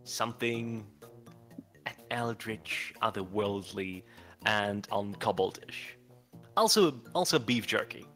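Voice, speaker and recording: A man with a low, bright voice plays a tabletop game. His delivery is lively and casual, moving between narration and table talk, with faint music behind. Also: takes it slowly.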